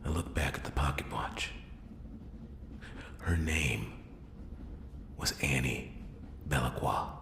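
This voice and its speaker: A man voicing a world-weary noir detective in a whispered role-play, brooding and halting, with dramatic pauses and a gravelly, breathy voice. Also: extremely low pitch, reverberant, background noise, exaggerated voice. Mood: searching, uneasy. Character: world-weary male noir detective piecing together a murder.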